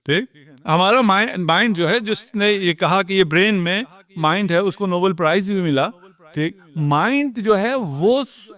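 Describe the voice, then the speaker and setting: A man's voice: high-pitched, a bit bright. A man, a cleric giving a sermon at a religious gathering and firing rhetorical questions at the audience. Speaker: Shia cleric.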